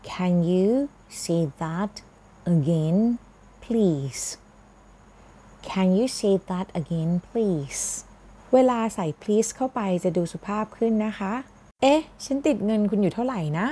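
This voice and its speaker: Thai woman teaching slow English phrases. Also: mid-range voice, lively intonation, mellow, breathy edge. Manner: repeats phrases slowly word by word. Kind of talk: slow drilled phrase lesson.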